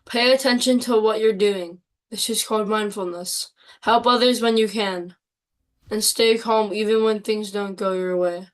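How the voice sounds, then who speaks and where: A woman's voice: mid-range voice, fairly even intonation, normal speed. A woman reading a prepared lesson aloud as a student presenter. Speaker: student presenter and quiz asker. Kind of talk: reading a prepared class talk.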